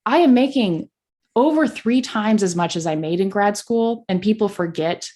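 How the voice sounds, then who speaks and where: A woman's voice: mid-range voice, animated, normal speed, mellow. A young adult woman speaking as a podcast guest in candid conversation, blunt and impassioned.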